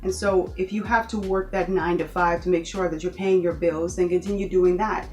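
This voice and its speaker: A woman from the Bahamas speaks to her viewers in a somewhat low voice, earnest and encouraging. She drives her points home by repeating them. Faint music plays under her talk. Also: fairly even intonation, brisk, darkish tone. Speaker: vlogger. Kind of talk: motivational talk to camera.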